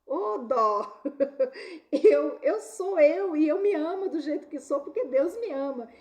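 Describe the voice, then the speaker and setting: A woman's voice: sits high, moderate pace, mellow. A middle-aged woman with a Brazilian Portuguese accent, giving an earnest talk on workplace harassment and sharing personal stories, often ending sentences with a questioning "né?".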